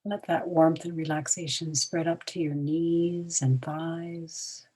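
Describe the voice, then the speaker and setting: In a low, breathy voice, a woman leads a relaxation meditation at a very slow pace. Her short, soothing phrases are separated by long pauses and often soften nearly to a whisper as they end, her tone staying steady.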